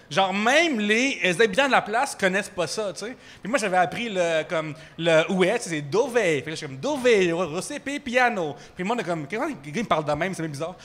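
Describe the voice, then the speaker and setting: A man with a Québécois accent spins a rambling story in a high, bright voice. He talks in an animated way, heavy on fillers and casual slang, recorded live for a podcast. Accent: Québécois French. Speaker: guest storyteller. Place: microbrewery with live audience.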